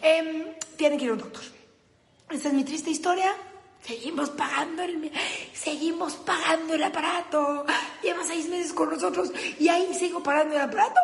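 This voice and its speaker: Mexican woman, high voice, comic storyteller who laughs through her lines and acts out every character; echoey room. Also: moderate pace, gravelly. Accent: Mexican Spanish. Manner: animated, laughing, crude slang, acts out both sides of the dialogue. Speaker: comedian telling a story.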